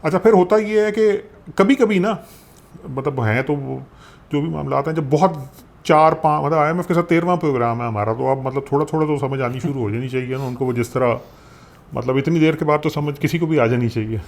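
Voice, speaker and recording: A man with a Pakistani Urdu accent explaining economics in a conversational way, animated and sprinkling in English phrases. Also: on the high side, brisk, gravelly. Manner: animated, mixes English phrases, frequent fillers. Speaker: economics commentator.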